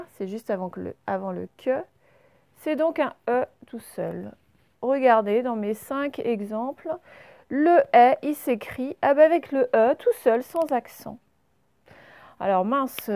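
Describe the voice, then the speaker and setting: Woman, French accent, schoolteacher, patient and clear, slightly high voice, dry close recording. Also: darkish tone, dry recording. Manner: patient, slow and clear, stretching out example words. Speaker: primary school teacher. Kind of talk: recorded spelling lesson for young pupils.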